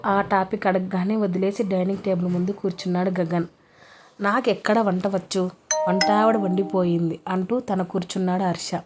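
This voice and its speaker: A woman's voice: mid-range voice, darkish tone. Woman storyteller, mid-range voice, reads a romance and speaks all the roles herself. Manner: reads all the characters' lines in her own voice.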